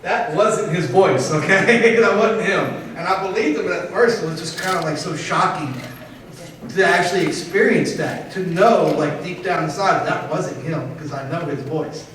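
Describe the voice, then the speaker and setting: A man's voice: sits high, normal speed, fairly bright tone. A man, a paranormal investigator, giving an emphatic convention panel talk to an audience, checking in with them often. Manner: emphatic, keeps checking in with "okay?". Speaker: paranormal investigator presenting evidence. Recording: echoey hall, distant, faint hiss.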